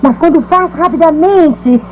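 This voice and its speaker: A woman preacher teaches a congregation with lively, animated delivery. Her voice sits high. The recording is dull and lo-fi with a faint hum behind it. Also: unhurried. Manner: lively, chanting repeated words in demonstration. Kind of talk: dubbed teaching talk to a congregation.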